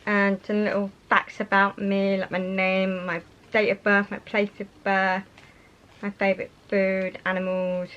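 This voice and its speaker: In this show-and-tell vlog, a young adult British woman talks casually and a touch hesitantly. Her voice is mid-range, monotone and a bit bright, her pace a little slow, and the audio comes through muffled with some faint noise.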